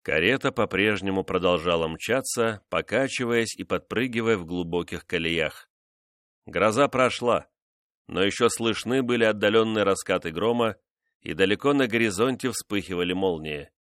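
A man narrating a historical novel in a steady, dramatic reading. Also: lowish voice, normal speed, clear, resonant tone, dry recording, clean studio sound. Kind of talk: scripted audiobook narration.

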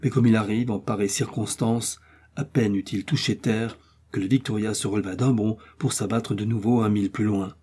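A man reading a classic adventure novel aloud as scripted audiobook narration, in a steady, measured way. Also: lowish voice, husky. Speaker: audiobook reader.

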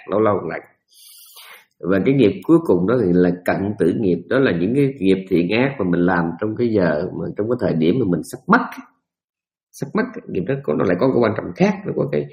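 A man's voice: deep voice, lively intonation, brisk, gravelly, darkish tone. A man giving a Buddhist dharma talk, speaking in a folksy, repetitive, conversational way. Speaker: Buddhist teacher.

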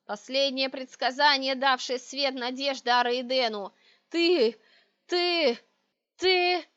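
A woman voicing a crooked, ancient witch who rants and wails in slow, drawn-out cries. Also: fairly high pitch, fairly even intonation, a bit bright, dry recording. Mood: raving. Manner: slow, wailing, hissing rants. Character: crooked ancient female witch, shrieking, raving. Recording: dry, dull lo-fi recording.

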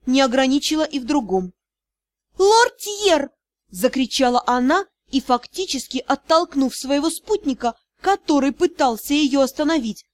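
A woman narrating an audiobook in the first person with a steady, expressive reading. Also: high-pitched, no echo.

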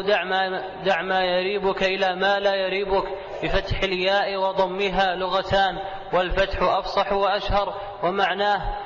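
Male student reader, formal steady recitation; dull lo-fi sound with a long hall echo. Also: sits high. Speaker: student reading the text aloud. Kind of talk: reading a classical text aloud. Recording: echoey hall, dull lo-fi audio.

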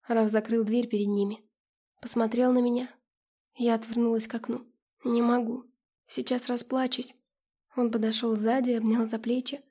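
A woman reading a first-person romance audiobook, expressive in the dialogue. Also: a little high, husky. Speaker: audiobook narrator.

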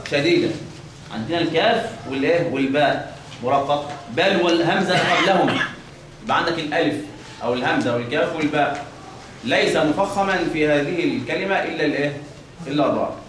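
Man, Egyptian accent, religious lesson, slightly high voice, distant from the mic, very echoey room. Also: slight background noise. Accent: Egyptian Arabic. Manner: asks the class questions and answers them himself, demonstrates sounds. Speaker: teacher of Quran recitation rules.

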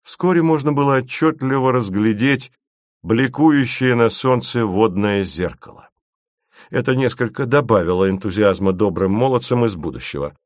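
Guy reading an audiobook, expressive, mid voice, super dry close mic. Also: medium pitch, moderate pace, dry recording. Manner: expressive storytelling. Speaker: audiobook narrator. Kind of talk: scripted narration.

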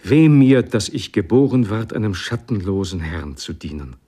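A man's voice: lowish voice, expressive, moderate pace, dark tone. A man reading the lines of a loyal young male servant, tearful and devoted, in a fervent, heartfelt way. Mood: dismayed.

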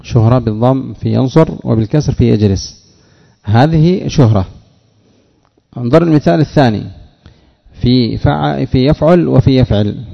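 A man teaching a classroom lesson, putting questions to his students and drilling word patterns slowly. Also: medium pitch, gravelly. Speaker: teacher of Arabic morphology. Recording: dull audio with long hall reverb.

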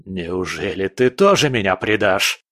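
A man's voice: low voice, expressive, measured pace, dry recording, clean studio sound, voice pushed down. A man voicing a furious tyrant prince. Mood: desperate. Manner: yelling, indignant outbursts.

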